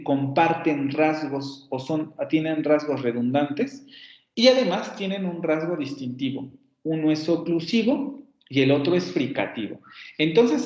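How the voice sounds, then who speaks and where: Slow-talking Mexican lecturer in a roomy recording. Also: male voice, a little high, darkish tone. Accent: Mexican Spanish. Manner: slow, deliberate, often rephrases and checks "¿sí?" with students. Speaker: university phonetics lecturer. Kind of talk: explanatory online class lecture. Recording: roomy, dull lo-fi class recording.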